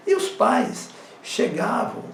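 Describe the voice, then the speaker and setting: A man talks through his memories in an easy, conversational way, checking in with the listener again and again. His voice sits high and swings widely in pitch, with a gravelly rasp. He was recorded some distance from the mic in an echoey room with faint background noise. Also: very animated, slow. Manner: conversational, frequent tag questions. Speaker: psychosomatic therapist and former judo instructor. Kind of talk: casual storytelling monologue.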